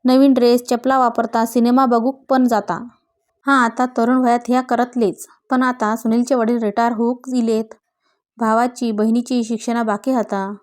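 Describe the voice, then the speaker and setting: A woman reading the lines of a sharp-tongued older neighbour who speaks with a Malvani accent and insinuates. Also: on the high side, flat delivery, normal speed, natural voice. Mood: insinuating.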